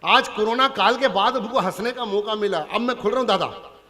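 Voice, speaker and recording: A man's voice: high voice, brisk, background noise. A man from Punjab performing comic poetry on stage and teasing the audience directly. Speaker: comic poet. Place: large hall with a live audience. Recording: live stage hall recording with crowd.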